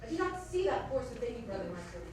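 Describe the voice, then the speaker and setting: A woman's voice: on the high side, very animated, quick pace. A woman on stage playing a proud, cold evil queen with an imperious, menacing delivery. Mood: cold menace. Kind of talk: theatrical stage acting. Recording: echoey theatre, far-off mic, faint noise.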